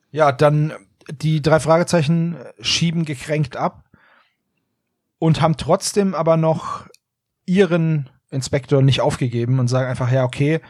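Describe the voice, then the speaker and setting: Man, casual podcast chat, animated, dry close sound. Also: medium pitch, no echo. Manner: animated, laughs often, quick asides. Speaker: podcast co-host. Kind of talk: casual podcast chat reviewing an audio drama.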